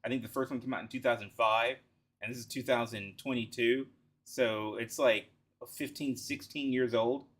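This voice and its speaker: A man streaming a game live, chatting casually in a rambling, excitable way with many restarts. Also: medium pitch, normal speed. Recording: game music playing behind.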